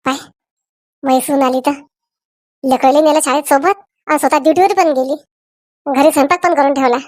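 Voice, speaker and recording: A woman plays a chatty, scolding village aunt in a cartoon. She talks on and on in a high voice. The sound is close and dry. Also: fairly even intonation, normal speed, a little mellow, no echo, lightly acted. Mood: grumbling. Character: gossipy middle-aged village aunt, meddling. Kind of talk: cartoon voice acting.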